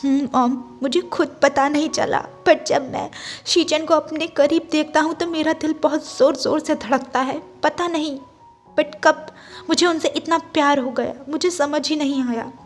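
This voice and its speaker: A woman's voice: sits high, steady tone, moderate pace, soft background music, close to an everyday voice. A woman voicing a young man who is curt when angry and tearful when hurt. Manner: curt, then tearful and quiet.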